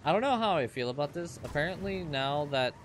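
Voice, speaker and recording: A man in his twenties talks viewers through his game in loose, joking banter. His voice sits slightly high for a man. A faint noise runs beneath it. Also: expressive, brisk. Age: 20s. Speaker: let's play host. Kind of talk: gameplay commentary.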